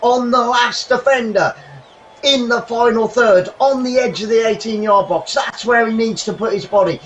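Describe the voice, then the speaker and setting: A man giving live football commentary, excitable and swearing, shouting at the team. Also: very high-pitched, distant mic, dull audio, slight background noise. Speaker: watchalong commentator.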